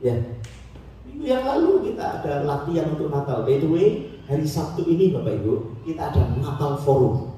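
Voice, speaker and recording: A man, preaching a sermon as a pastor, acting out quotes and swinging between loud and soft. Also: on the high side, sing-song, brisk, slight background noise. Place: church hall. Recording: very echoey hall, mic from a distance.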